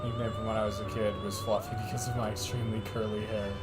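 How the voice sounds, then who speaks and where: A man's voice: fairly low pitch, little pitch movement, fast. A man streaming a game, talking to his chat through livestream headset audio, with joking, self-mocking asides. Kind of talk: casual livestream commentary over gameplay. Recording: game music playing clearly under the voice.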